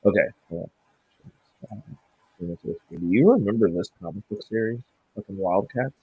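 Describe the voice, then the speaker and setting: A man in a loose podcast chat, swearing and excitable, his pitch swinging widely. His voice sounds muffled and distant, as if it came through a wall, because he has turned away from the microphone. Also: normal speed, breathy edge, dry recording. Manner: swearing, excitable, laughs often. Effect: muffled, distant voice turned away from the mic, as if through a wall. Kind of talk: casual chat.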